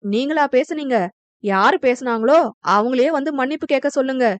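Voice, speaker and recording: A woman's voice: sits high, dry recording, natural voice. Woman voicing a brash teasing young husband. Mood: defiant. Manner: quick, mocking retorts.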